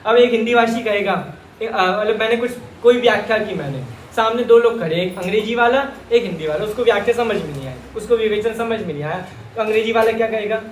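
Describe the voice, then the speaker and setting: A man's voice: high-pitched, fast talker, slight background noise. A man from Rajasthan teaching Jain scripture to a live audience in a chatty, joking way, often calling his listeners brother. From Rajasthan, India. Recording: echoey hall with faint ambience.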